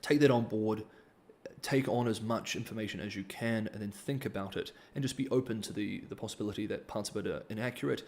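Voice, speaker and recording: This livestream host, a man from New Zealand, talks fast in a fairly low, slightly mellow voice, with slight background noise. He's running a casual Q&A and reading out donor comments, hesitating often with ums and restarts.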